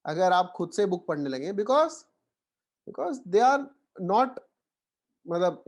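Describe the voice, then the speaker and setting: Indian male tutor, slightly high voice, code-switching Hindi-English, reassuring online lecture delivery. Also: very animated, takes it slowly. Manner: Hindi-English code-switching, frequent "theek hai" check-ins; encouraging, reassuring students. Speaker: teacher.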